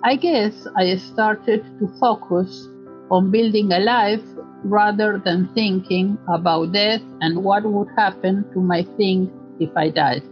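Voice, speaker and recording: An Argentine woman in her seventies tells a story from her own life. She speaks English with a Spanish accent and a thoughtful, hesitant manner. The recording is dull and lo-fi, with soft music faintly underneath. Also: mid-range voice, takes it slowly. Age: 70s. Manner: reflective, with occasional hesitations. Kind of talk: personal recollection.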